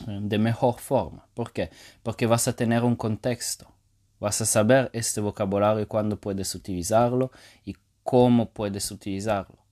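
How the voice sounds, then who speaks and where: Low-voiced hesitant podcast man. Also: a little mellow. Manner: hesitant, many fillers and restarts. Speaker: podcast host. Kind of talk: casual solo podcast talk.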